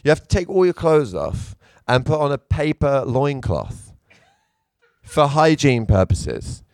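A man's voice: medium pitch, sing-song, measured pace, darkish tone, no room sound, studio quality. A British man, a comedian guest, telling stories in a wry, laid-back way during a casual podcast chat. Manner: wry, laid-back storyteller, swears freely. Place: indoors, seated at a table.

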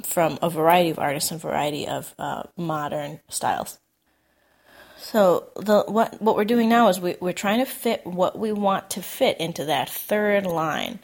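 A woman's voice: lowish voice, gravelly. A woman teaching songwriting, working through lyrics aloud in a hesitant, self-correcting way.

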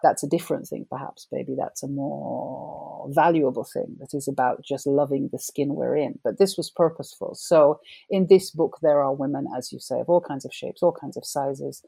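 A middle-aged Jamaican novelist discusses her writing in a conversational interview, thoughtful and reflective, laughing as she talks. Her voice is extremely low, gravelly, husky and dark, at normal speed, with no room sound.

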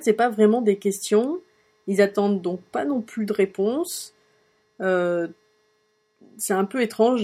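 A woman's voice: mid-range voice, darkish tone. Chatty French woman teaching phrases. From France. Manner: chatty, many fillers, encouraging. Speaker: blog host teaching English phrases. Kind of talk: casual audio lesson.

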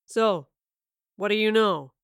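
A woman voicing a cruel, sly male villain who taunts in slow, purring, gloating tones. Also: mid-range voice, smooth, no room sound, clean studio sound.

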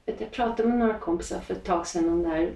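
A woman's voice: on the low side, vocal fry, mellow, a little hiss or hum. A woman singer talking reflectively in a casual interview, often restarting her sentences, recorded in a small cabin. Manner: reflective, halting with many restarts. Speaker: guest singer. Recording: roomy sound from a distance.

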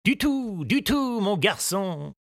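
A woman voicing an old, kindly male gardener who speaks slowly and gravely. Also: medium pitch, big pitch swings, dry recording, clean studio sound, pitched above the performer's own voice, full character voice.

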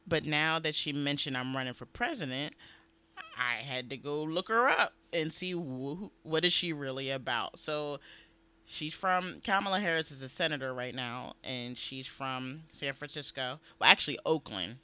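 Guy on a podcast, real bright tone, kinda high voice, laughs a lot while he talks. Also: normal speed, clean tone. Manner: laughs often, animated, quotes people. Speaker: podcast co-host. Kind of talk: casual political chat.

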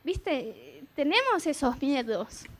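A woman's voice: high-pitched, very animated, slow pace, vocal fry, fairly bright tone. A young woman, giving a testimony sermon and acting out the dialogue as she tells the story.

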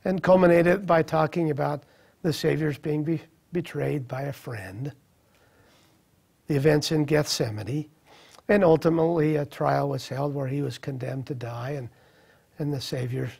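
A middle-aged man telling a personal testimony in an earnest, reflective way, with halting restarts. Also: on the high side, vocal fry, a little mellow, breathy edge. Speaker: speaker sharing a personal testimony. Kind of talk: personal storytelling.

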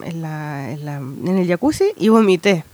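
A woman in her thirties with a Chilean accent, telling a story in animated casual chat as a podcast co-host. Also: deep voice, moderate pace, no room sound. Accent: Chilean Spanish. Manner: animated storytelling with lots of slang tags.

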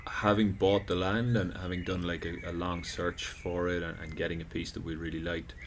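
Irish guy, very low monotone voice, loose rambly chat, noisy deck outside. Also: normal speed. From Ireland. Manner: relaxed, rambling with restarts. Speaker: podcast guest. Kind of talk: casual chat. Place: outdoor deck. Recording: noisy outdoor background.

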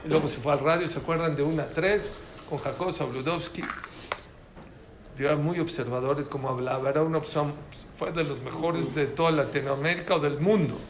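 A man with a Mexican accent giving a lively talk to an audience, asking them questions as he goes. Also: on the high side, a little fast. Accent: Mexican Spanish. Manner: animated, asks the audience questions. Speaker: lecturer giving a talk on listening. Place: room with a live audience. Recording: echoey room with faint ambient noise.

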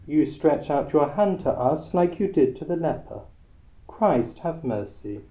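A man leading Mass as a priest, reciting prayers in a solemn, measured way with a cathedral echo. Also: fairly high pitch, expressive. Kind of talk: liturgical prayer, chanted-like recitation. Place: large church. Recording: tinny, echoey church recording.

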